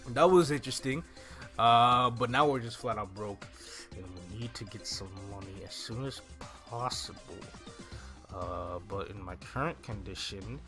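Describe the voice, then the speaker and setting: With game music behind him, a young male gaming host chats casually through a walkthrough, thinking out loud. His voice is mid-range with a fairly bright tone, captured by a desk microphone close to his mouth.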